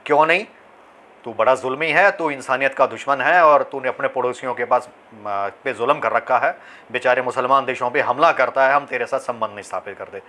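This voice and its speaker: Guy ranting in a monologue, keeps asking why, gets loud and punchy, slightly high voice. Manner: rhetorical questions, rising to emphatic outbursts. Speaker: commentator. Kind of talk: opinion monologue.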